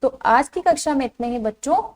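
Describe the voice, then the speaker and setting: Slow, patient woman teacher drilling words. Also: sits high, animated, darkish tone. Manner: spells words out sound by sound, then repeats them slowly; asks questions and answers them herself. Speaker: school teacher. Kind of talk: slow, drilled phonics lesson for young children.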